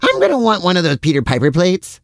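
Guy doing a goofy vain brother in an audio comedy, chatty, super swingy pitch, oblivious. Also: wildly swooping pitch, fast talker, no room sound, studio quality, heavily acted. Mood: vain, pleased. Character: mustache-proud, food-loving, easily distracted silly brother. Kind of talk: comic audio drama acting.

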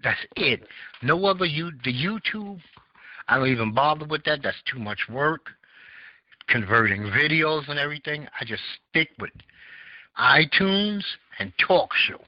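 A Southern-accented American man hosts casual call-in podcast talk, his fairly high voice animated but a little slow. He rambles, searching for words with many fillers. No room sound; the recording is dull and lo-fi.

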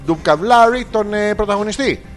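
A man from Greece co-hosting a loose comedy podcast, his voice sitting a touch high and swinging up and down as he teases and cuts in on his partner. Faint music runs underneath. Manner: teasing, interrupting, animated. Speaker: podcast co-host. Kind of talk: crude comedic banter.

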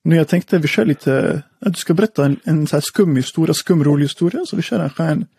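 Gravelly, laid-back host. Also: male voice, a little high, mellow, dry recording. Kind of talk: casual chat.

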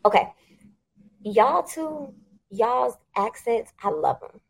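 A woman guest on a podcast, chatting casually in a blunt, animated and profane way. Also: on the high side, takes it slowly, vocal fry, crowd noise, low-quality recording. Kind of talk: casual chat.

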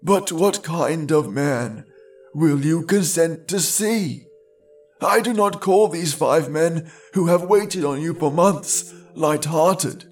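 A man voicing a gentle old bamboo cutter over seventy, speaking slowly and earnestly to his foster daughter in a storybook reading. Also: on the high side, faint music behind. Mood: persuasive. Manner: slow, earnest, pleading. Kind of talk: storybook read-aloud.

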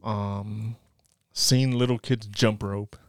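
A man's voice: fairly low pitch, fairly even intonation, takes it slowly, dry recording, clean studio sound. A young man in casual conversation, talking like a slangy, swearing frat bro. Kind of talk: casual chat.

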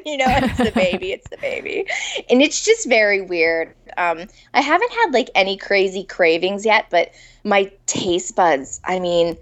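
A pregnant woman, a food blogger guest, chatting casually in an interview, giggling often and filling her speech with "like". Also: medium pitch. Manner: chatty, giggly, lots of filler "like".

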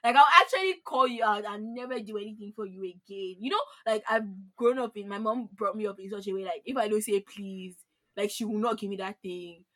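A woman co-hosting a podcast, ranting in an animated, sassy way. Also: medium pitch, a little fast, poor audio. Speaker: podcast co-host. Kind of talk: casual podcast rant.

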